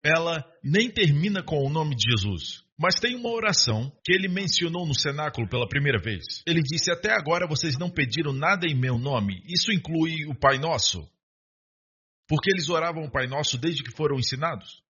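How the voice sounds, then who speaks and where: A man's voice: on the high side, lively intonation, brisk, pushed and bright, slightly rough, highs cut off. A man, preaching a sermon and often asking the congregation rhetorical questions and calling for an amen.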